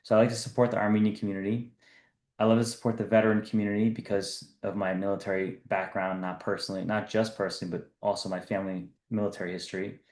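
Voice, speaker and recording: Earnest thirties male founder, slightly low voice, echoey room. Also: level tone, fast talker, a little mellow. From US East Coast. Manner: earnest, repeats words when restarting. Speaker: business founder guest. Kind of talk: conversational podcast interview.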